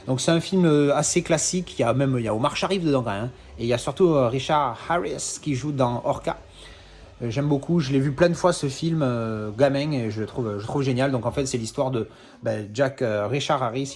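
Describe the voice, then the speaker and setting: A man's voice: mid-range voice, darkish tone. A man in his thirties, from France, talking casually and rambling about his film collection, with many hesitations and self-corrections. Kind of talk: casual unscripted video talk.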